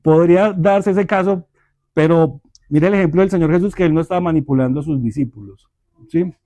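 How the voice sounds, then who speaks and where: A calm Colombian man leads a Bible lesson on parenting. His voice sits a little high yet sounds mellow and warm, explaining patiently and checking in with his listeners often. The recording is dry, with little room sound. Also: brisk, no room sound. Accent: Colombian Spanish. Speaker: church teacher leading a parenting class. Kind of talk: Bible teaching in a small group discussion.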